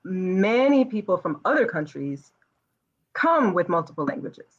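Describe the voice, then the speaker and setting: A woman guest in a casual interview, speaking in a measured, reflective way. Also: lowish voice, big pitch swings, husky, muffled recording.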